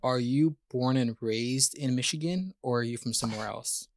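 A man's voice: medium pitch, normal speed, vocal fry, no echo, studio quality. A man hosting a podcast, asking questions in an upbeat, enthusiastic way. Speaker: podcast host. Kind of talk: casual interview hosting.

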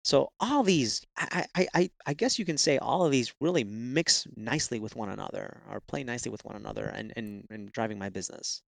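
A man talking as a podcast guest, halting and often repeating words as he restarts his phrases. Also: medium pitch, vocal fry, dry recording. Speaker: podcast guest, SEO consultant. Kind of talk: casual podcast conversation.

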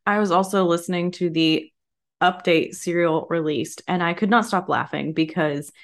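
A woman's voice: on the low side, steady tone, normal speed. A woman co-hosting a true crime podcast, chatting casually and informally, with "like" peppered through her sentences. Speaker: podcast co-host.

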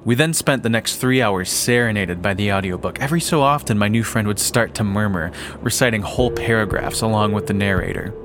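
A man narrating a first-person story in a slow, deliberate way. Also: on the low side, noisy background.

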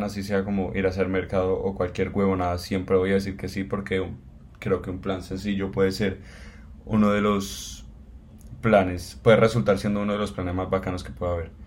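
A low, slightly mellow male voice with a bit of hiss or hum in the recording. He's an eighteen-year-old from Cali with a Colombian accent, co-hosting a casual podcast intro full of fillers and restarts.

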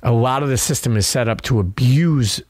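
A man's voice: mid-range voice, moderate pace, darkish tone, slightly rough, no echo, studio quality. A middle-aged man with a Brooklyn New York accent, telling stories candidly as an interview guest in a streetwise, profane way peppered with "you know.". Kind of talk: candid conversational storytelling.

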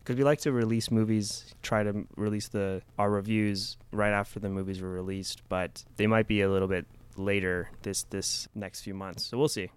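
Smooth low-voiced male podcast co-host. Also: little pitch movement, normal speed, few pauses. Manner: rambling, many "like"s and restarts. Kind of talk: casual film review chat.

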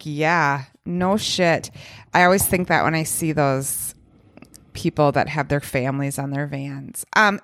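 A woman's voice: on the low side, fairly bright tone, no room sound. Blunt, sarcastic woman podcast co-host. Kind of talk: casual chat.

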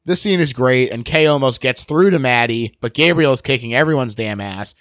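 A man's voice: medium pitch, a bit bright, no room sound, clean studio sound. Jokey man recapping a film. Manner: jokey, brisk plot summarizing. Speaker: podcast host. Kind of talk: casual film recap chat.

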